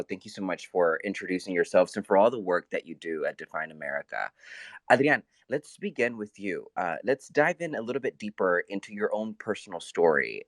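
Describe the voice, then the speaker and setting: A man's voice: deep voice, fairly bright tone, no echo. A man moderating a panel, thanking guests and politely prompting them.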